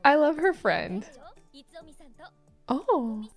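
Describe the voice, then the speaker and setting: A young woman hosting an anime reaction, gushing with excitable, giggly comments and gasps. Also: high-pitched, extremely slow, soft background music.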